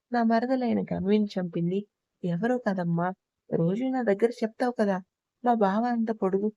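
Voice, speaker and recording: Woman reading a menacing husband in a storybook, taunting and cruel, low mellow tone, dry muffled sound. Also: no echo, close to an everyday voice. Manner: taunting, threatening. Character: young man, vengeful and menacing husband. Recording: dull lo-fi recording.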